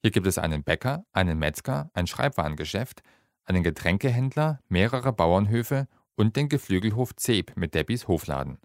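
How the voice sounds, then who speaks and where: A man reads a radio feature script in a calm, steady way. His voice sits very low. The delivery is measured and even. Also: no echo, studio quality. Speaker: reporter.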